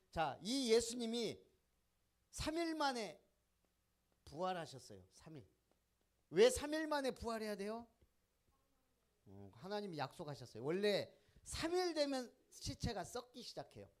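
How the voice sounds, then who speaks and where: A male pastor preaches to his congregation, tossing out questions and answering them himself. His voice sits high and swings widely in pitch as he drives each point home. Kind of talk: sermon.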